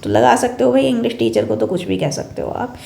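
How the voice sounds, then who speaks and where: A woman's voice: a little high, huge pitch swings, brisk, vocal fry, mellow. A young woman teaching English vocabulary in a recorded lecture, explaining each word's meaning and repeating it for students. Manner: explains word by word, repeating meanings, mixing in English example sentences. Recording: echoey room.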